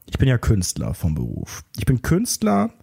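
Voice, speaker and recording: A man's voice: medium pitch, huge pitch swings, normal speed, creaky, warm tone, breathy edge. A man co-hosting a comedy podcast in casual chat, teasing his partner and slipping into mock-announcer lines. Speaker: podcast co-host.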